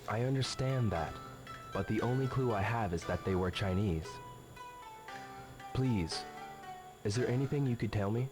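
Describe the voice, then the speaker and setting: A determined young male hero with a curt, fairly low voice, as an actor plays him. He speaks in short, earnest lines in a dubbed video game. Game music runs behind him. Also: normal speed, long pauses, lightly acted.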